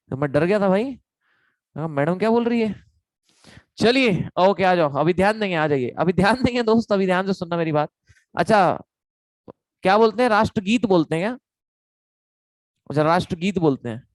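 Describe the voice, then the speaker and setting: A man's voice: sits high, dry recording, poor audio. A man teaching an online class in a chatty, joking way, talking to his students as kids. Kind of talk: casual online lecture.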